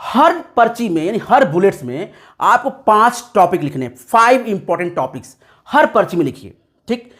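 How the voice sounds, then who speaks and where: A man's voice: high voice, big pitch swings, moderate pace, a bit bright. A man teaching exam tips to students, emphatic and repeating key points. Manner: emphatic, addresses students as kids.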